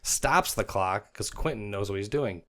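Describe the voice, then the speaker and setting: A young man narrating football clips as a comic voice-over host, joking and dropping into quick silly voices for the players. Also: fairly low pitch, animated, pushed and bright. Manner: jokey, puts on players' voices in quick asides.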